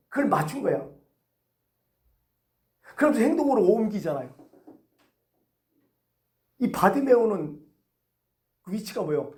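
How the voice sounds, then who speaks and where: Brief: male pastor, casual sermon, pitch swings widely, reverberant sanctuary. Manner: conversational, lively, asks the congregation questions. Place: church sanctuary. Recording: echoey church hall.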